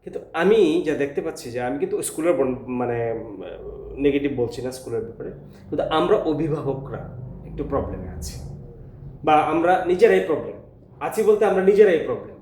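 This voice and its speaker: A man's voice: on the high side, very animated, fast, a little mellow. A male English teacher speaking informally to parents, hesitant, with many filler sounds, earnest. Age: adult with a school-age child. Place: classroom. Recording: echoey room, faint ambience.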